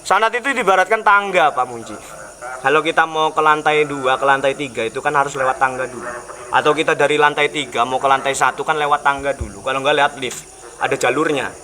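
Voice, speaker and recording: Javanese accent guy preaching, bright clear voice, jokey and lively, medium pitch. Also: quick pace. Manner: joking and animated, mixing in local dialect; chanted Arabic prayer. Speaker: Islamic preacher. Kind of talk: evening religious study sermon.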